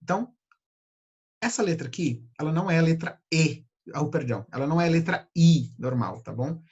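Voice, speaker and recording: A Brazilian man teaching English pronunciation, patiently repeating sounds slowly to demonstrate them. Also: on the high side, animated, darkish tone, slightly rough, lo-fi sound. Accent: Brazilian Portuguese. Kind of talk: pronunciation lesson.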